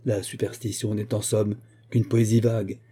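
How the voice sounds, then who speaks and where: A man reading a novel aloud as narrator, in a measured, even way. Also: on the low side, breathy edge. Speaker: audiobook narrator. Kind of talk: scripted literary narration.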